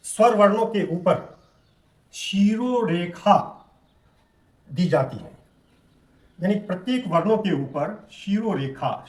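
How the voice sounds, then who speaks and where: Male teacher, high voice, unhurried, patient lesson delivery with long drawn-out vowel demos. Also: a little mellow. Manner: slow, drawn-out vowel demonstrations. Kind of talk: Hindi grammar lesson.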